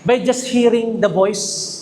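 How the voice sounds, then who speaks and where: A man's voice: extremely high pitch, darkish tone, a little hiss or hum. A man preaching a sermon as pastor, mixing English and Tagalog and often asking the congregation questions. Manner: mixes English and Tagalog, often asks the congregation questions, reads verses slowly. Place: church chapel.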